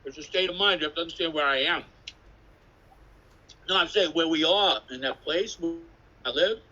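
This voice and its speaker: Older new guy on a video call, husky and bright, tells loose street stories and swears a lot. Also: on the high side, normal speed, muffled recording. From New York City. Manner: swearing, laughing, jumps between stories. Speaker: interviewee, graffiti artist. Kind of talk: rambling casual storytelling. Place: indoors at an artist residence.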